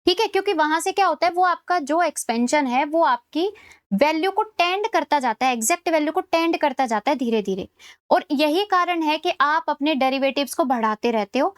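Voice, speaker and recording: A woman lecturing on maths for exam preparation. She explains step by step, often checking that students follow, and slows right down to dictate formulas. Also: sits high, lively intonation, dry recording, studio quality.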